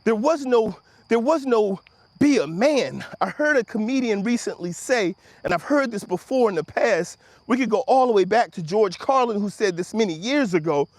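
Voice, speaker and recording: A high-voiced American man in his fifties, from Washington, D.C., hosts a motivational talk show and delivers an emphatic, preacherly monologue full of repeated phrases and rhetorical questions. His intonation is lively, his speed normal, and the recording is dry.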